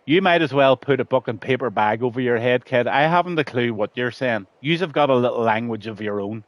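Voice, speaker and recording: A man's voice: medium pitch, fairly quick, no echo. Irish man commentating sim races. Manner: chatty, joking, reads out viewer messages. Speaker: sim racing league commentator and streamer. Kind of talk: live race commentary and chat banter. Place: his own room at home.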